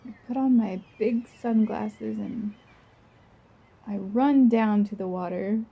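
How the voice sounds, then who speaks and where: A woman leads a first-person guided visualization in a soft, breathy, medium-pitched voice that feels gentle and dreamy. She leaves long, unhurried pauses, and the recording has a lo-fi quality.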